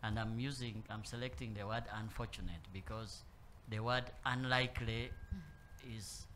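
Guy talking on a panel in a conference room, measured, repeats himself a lot, bit of faint room hum. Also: fairly low pitch, steady tone, a bit bright. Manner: measured, with frequent repeats and fillers. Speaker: panel speaker on corporate governance. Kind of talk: spoken panel talk. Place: conference room with live and online audience.

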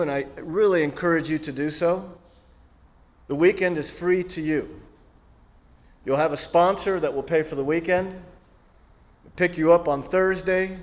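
Middle-aged layman, plain steady delivery, prepared church announcement at the lectern. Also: a little high. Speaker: lay church member announcing a retreat.

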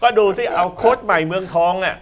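A man's voice: high-pitched, a little fast, a crowd in the background. A man hosting a football talk show in a studio, lecturing with emphatic, rambling asides.

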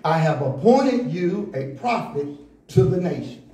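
A man preaching a sermon from the pulpit in rhythmic call-and-response style, building to shouts. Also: high-pitched, animated, unhurried, distant mic. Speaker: pastor. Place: church sanctuary, indoors, at a pulpit. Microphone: stand mic at the pulpit, filmed from a far camera. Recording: echoey church room, heard from afar.

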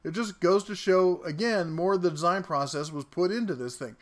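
A man with a high-pitched, brisk voice hosts a casual tool review in his home workshop. He talks while he works, wisecracking and making jokes at his own expense.

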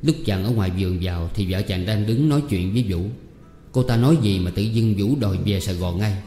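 A man reading a novel aloud as an audiobook narrator, with calm, even storytelling. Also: lowish voice, a little fast, a little hiss or hum. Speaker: audiobook reader. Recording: echoey room with long reverb.

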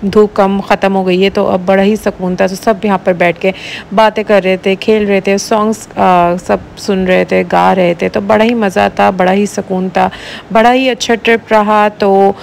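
A woman's voice: medium pitch, creaky. Young woman, travel vlogger, casual voice-over, hesitant fillers, faint background noise. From Pakistan. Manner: chatty, relaxed, with many "uh" pauses. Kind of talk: casual travel vlog narration.

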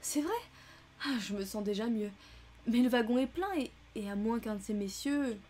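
A woman's voice: moderate pace, mellow, soft background music, natural voice. Woman voicing a fussy older American lady. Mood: relieved. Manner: shrill, breathless and tearful complaining. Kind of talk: audiobook character reading.

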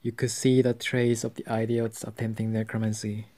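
Man muttering wryly in the dark. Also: fairly low pitch, level tone, moderate pace. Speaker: urban explorer. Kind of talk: casual exploration commentary. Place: dark abandoned hospital indoors.

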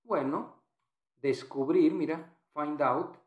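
A man's voice: fairly high pitch, slow pace, reverberant, muffled recording. A man teaching English in Spanish, patiently walking through exam answers and repeating phrases.

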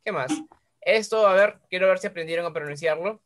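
Low-voiced patient woman teacher. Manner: patient, repeats each word slowly for drilling; encouraging, praises often. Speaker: primary school English teacher. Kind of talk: teaching vocabulary to children.

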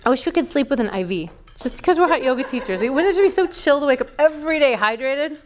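Captured by a distant camera in a big wooden studio, a lively middle-aged woman with a high, bright voice teaches yoga teacher trainees at a quick pace. She keeps throwing questions at them and answering them herself. There is slight background noise.

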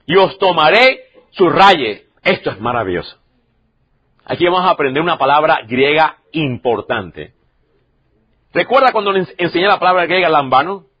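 A man in his sixties preaching a sermon as pastor, swinging from loud, emotional preaching to soft, quiet stretches. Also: on the high side, very animated, normal speed, breathy edge, highs cut off.

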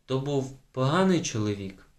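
A man's voice: medium pitch, big pitch swings, normal speed, close to an everyday voice. A man reading an audiobook voices a strict old spinster schoolteacher who speaks sternly and raises her voice in alarm. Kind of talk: audiobook character voice.

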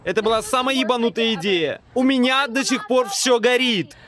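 A man's voice: extremely high pitch, moderate pace, pushed and bright, a little hiss or hum. A man voicing a panicking young woman in distress, her mouth burning from spicy food, in a comedic voice-over dub. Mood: panicked, pained. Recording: voice-over with clamour of voices behind.

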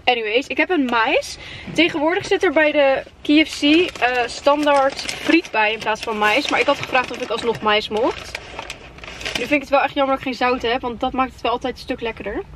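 A woman in her twenties with a Netherlands Dutch accent, chatting casually and excitably to camera with English slang mixed in. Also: high-pitched, fairly quick. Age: 20s. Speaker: vlogger. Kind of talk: casual vlog chat. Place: inside a parked car at night. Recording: faint background noise in car.

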